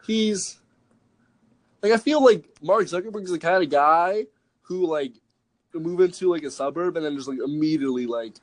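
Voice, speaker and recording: A man's voice: a little high, normal speed, dry recording, rough recording. A young man co-hosting a podcast, rambling jokily in casual chat and filling his talk with "like". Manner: rambling, jokey, lots of "like". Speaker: podcast co-host.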